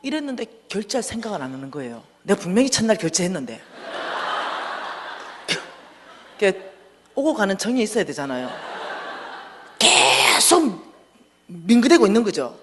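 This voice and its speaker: A middle-aged woman, telling a story in an animated, dramatic way as a church lecturer. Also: medium pitch, a little fast, long pauses, breathy edge. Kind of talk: storytelling sermon. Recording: echoey hall.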